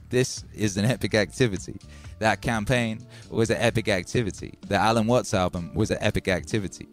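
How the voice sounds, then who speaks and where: Man, Welsh and Birmingham accent, lowish voice, casual live-stream chatter. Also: brisk, faint music behind. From Wales. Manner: excitable, swearing, thanking viewers by name. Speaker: music producer hosting a live stream.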